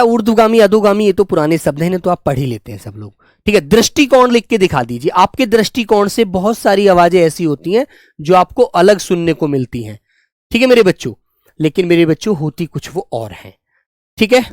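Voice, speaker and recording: High-voiced man teaching a Hindi class. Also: expressive, darkish tone, no echo, studio quality. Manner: affectionate, calls students "beta" and "my children"; repeats and drills words slowly. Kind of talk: live online spelling class.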